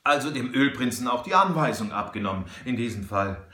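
A man voicing an excitable, cheated middle-aged banker who pleads and hesitates with little ums. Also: mid-range voice, a little fast, echoey room. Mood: anxious.

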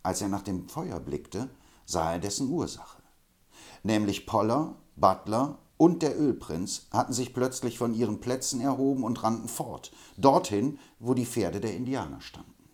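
A man narrating an audiobook in a low, measured storytelling manner. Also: expressive, a little mellow.

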